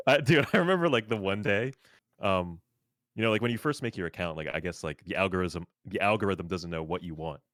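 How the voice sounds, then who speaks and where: A young man with a very deep voice chats loosely on a livestream, full of fillers and easy laughter. His voice sits close and dry, with no room sound behind it. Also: fairly quick, fairly bright tone, no echo. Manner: laughs often, rambling with many fillers. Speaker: streamer. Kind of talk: casual chat.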